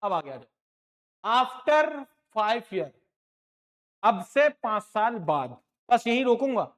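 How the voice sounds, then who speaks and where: Male maths tutor, slow and deliberate, patient and encouraging, repeats every step and slips English terms into his explanations. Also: extremely high pitch, big pitch swings, fairly bright tone. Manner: encouraging, repeats points, calls students "my children". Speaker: maths teacher. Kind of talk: online classroom lesson.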